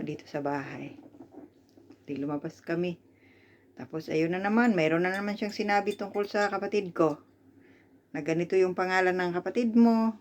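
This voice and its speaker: A Filipina woman with a low, deep voice vlogs from Hong Kong, recounting a grievance. She tells it in an aggrieved, animated way and slips into the voices of the people she quotes. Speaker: domestic helper vlogger. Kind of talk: storytelling vlog.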